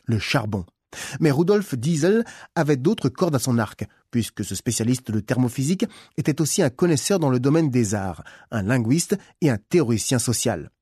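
Mellow-voiced male radio narrator. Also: mid-range voice, husky, no room sound, clean studio sound. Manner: measured, formal reading. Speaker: radio magazine host and narrator. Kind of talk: scripted news narration.

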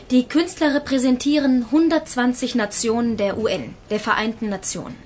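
A woman's voice: a little high, slight background noise, close to an everyday voice. A woman playing an earnest, courteous project spokeswoman in a scripted interview for a language course.

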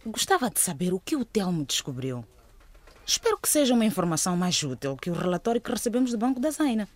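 A woman's voice: mid-range voice, very animated, fast, dry recording. An actress playing an earnest, questioning female police agent in a radio drama. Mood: earnest, concerned. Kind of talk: scripted radio drama acting.

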